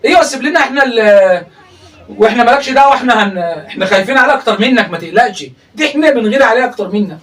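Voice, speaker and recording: High-voiced Egyptian man mocking clips. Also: animated, very fast, a bit bright, distant mic. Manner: teasing, laughs often. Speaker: comedy commentator reacting to clips. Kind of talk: mocking comic commentary.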